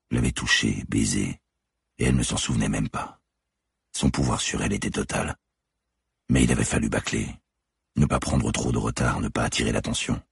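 Audiobook narrator: man, very deep and raspy, measured suspense reading, dry close sound. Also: no room sound. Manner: measured, suspenseful, deliberate phrasing. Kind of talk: scripted narration.

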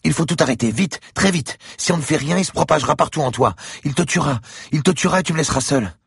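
Male narrator plays a spooky, insistent little girl in an audiobook, husky and breathy, urgent, repeats herself. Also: fairly high pitch, expressive, fast talker, no echo, clean studio sound, voice pushed up, exaggerated voice. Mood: frantic. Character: eerie insistent little girl, night visitor. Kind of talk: audiobook character voice.

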